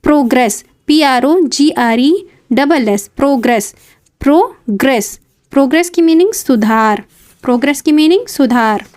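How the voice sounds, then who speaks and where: A woman's voice: sits high, expressive, unhurried, a little mellow. A woman teaching English vocabulary, spelling words letter by letter and repeating each meaning. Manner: adds short fillers and checks between words. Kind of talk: vocabulary lesson.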